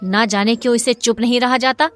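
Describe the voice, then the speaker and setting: A woman's voice: fairly high pitch, steady tone, fairly quick, a bit bright, soft background music, close to an everyday voice. A woman voicing a weary, restrained middle-aged peasant man who sternly scolds.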